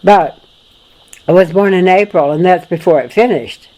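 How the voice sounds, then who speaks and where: An older woman from Florida in the United States telling her family history in a casual, rambling way, with many restarts and soft chuckles. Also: lowish voice, moderate pace, poor audio. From Florida, USA. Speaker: documentary photographer recalling family history. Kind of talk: casual spoken memoir to a friend.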